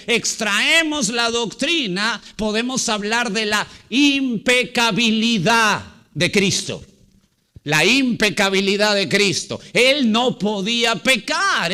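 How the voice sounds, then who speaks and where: A man pastor preaching a Sunday sermon to his congregation. He asks rhetorical questions, repeats key words and slows down to stress them. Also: very high voice, pushed and bright. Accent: Latin American Spanish. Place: church.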